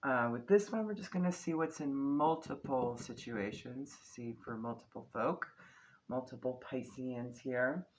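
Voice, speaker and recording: A man giving a casual, improvised spiritual card reading, speaking unhurriedly with retainers in his mouth that slightly slur his words, often checking in with "okay?". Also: medium pitch. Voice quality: slightly slurred speech from wearing retainers. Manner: unhurried, often ends statements with a questioning "okay?". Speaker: tarot card reader, host. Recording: clearly noisy background with clicks.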